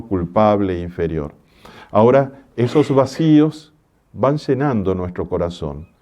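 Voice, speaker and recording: A man, a parish priest giving a religious conference talk in a gentle, measured preaching manner with homely stories. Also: on the low side, highs cut off.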